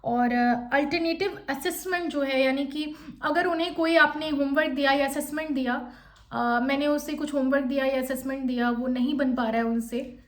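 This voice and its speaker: Fast-talking, high-voiced woman teacher coaching. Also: steady tone. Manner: fast-talking, admits speaking quickly; explanatory, switches between coaching and sample answers. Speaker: teacher coaching interview candidates. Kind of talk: exam-prep lesson with modelled interview answers.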